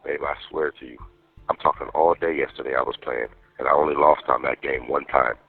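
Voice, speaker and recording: A man's voice: extremely low pitch, steady tone, a little fast, soft background music. A man calling from jail over a prison phone line, talking casually and earnestly to his partner, rambling in street slang. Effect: heard over a prison phone line. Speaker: inmate on a phone call.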